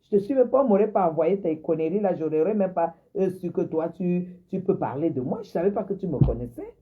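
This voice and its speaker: A woman's voice: lowish voice, animated, a little fast, a little hiss or hum. A woman, confronting and mocking someone in a heated, repetitive live-stream rant. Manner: confrontational, mocking, repeats herself. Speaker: social media personality. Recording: tinny phone-line sound.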